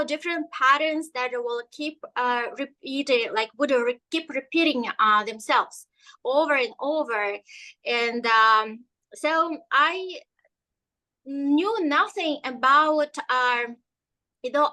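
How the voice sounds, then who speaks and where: In a relaxed interview, a woman who grew up speaking Russian shares her story as a guest energy healer, pausing frequently and filling gaps with fillers. She sounds high-pitched, bright and forceful, and the audio is rough.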